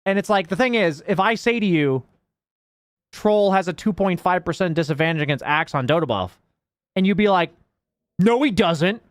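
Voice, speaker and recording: A young man speaking with a slightly high voice, recorded dry and close with no room sound. He explains things to his viewers in a loose, rambling way. He keeps restarting and fills his sentences with "like.". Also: a little fast, clean tone, no room sound. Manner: rambling, filler-heavy, reflective explaining. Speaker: Dota coach and streamer. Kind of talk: casual chat to stream viewers.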